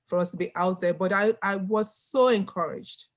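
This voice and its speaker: A woman's voice: medium pitch, steady tone, moderate pace. Nigerian-born woman on a video call panel, earnest, keeps repeating words for stress. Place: home room.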